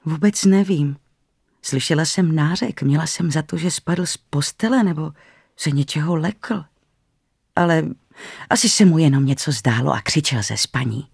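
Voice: medium pitch, lively intonation, a little mellow, no echo, lightly acted. A storyteller voicing a practical, skeptical young mother in a dry, close recording.

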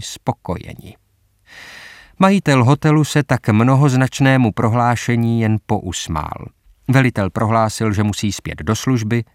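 A man narrating a story aloud in measured, even first-person storytelling. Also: medium pitch, no room sound, clean studio sound. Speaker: audiobook narrator.

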